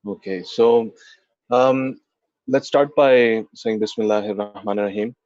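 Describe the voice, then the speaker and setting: A man's voice: on the low side, fairly even intonation, a little slow, a little mellow, dry recording. A man with a Pakistani accent, speaking as a doctor giving a talk over a video call. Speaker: intensive care doctor, guest speaker. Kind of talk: prepared talk on an online meeting. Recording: dull, lo-fi video call audio.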